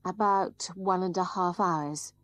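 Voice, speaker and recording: A woman's voice: fairly low pitch, steady tone, fairly bright tone, no room sound. A woman as a polite exam-recording travel agent. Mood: helpful. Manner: measured, careful delivery. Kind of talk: scripted exam listening recording.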